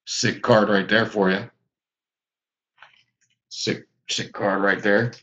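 A man's voice: lowish voice, steady tone, slow, a bit bright, highs cut off. A man hosts a live trading card break, chatting casually and talking to viewers by name as he opens packs.

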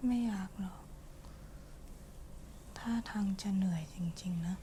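A woman voicing a caring girlfriend in a whispered role-play, soft breathy pillow talk, as if reading her partner to sleep. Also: mid-range voice, takes it slowly, slight background noise, close to an everyday voice. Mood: soothing, tender.

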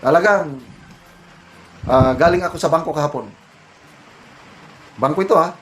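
A man's voice: a little high, normal speed, a bit bright, a little hiss or hum, poor audio. A man with a Filipino accent giving casual, opinionated political commentary and mixing English phrases into his talk.

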